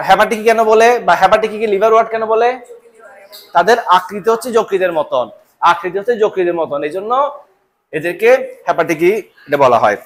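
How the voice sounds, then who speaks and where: High-voiced man teaching. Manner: repeats terms and keeps checking understanding. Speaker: biology teacher. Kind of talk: live classroom lecture.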